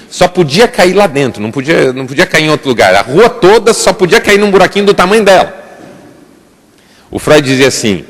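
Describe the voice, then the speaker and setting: Lively Brazilian pastor in an echoey church. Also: male voice, mid-range voice. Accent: Brazilian Portuguese. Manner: lively storytelling, emphatic rises. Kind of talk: sermon.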